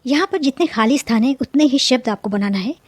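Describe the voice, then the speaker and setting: A young adult woman teacher explaining a children's lesson, drawing out each syllable slowly. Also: sits high, expressive, a little mellow, dry recording. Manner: slow, drawn-out syllables for young learners.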